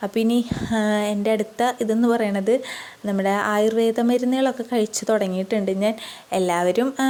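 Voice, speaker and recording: A young mother with a Keralan Malayalam accent, chatting softly in a dubbed vlog voice-over from home. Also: mid-range voice. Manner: soft, chatty, often adds a friendly tag to her sentences. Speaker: vlogger, mother of two. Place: room at home with a baby beside her.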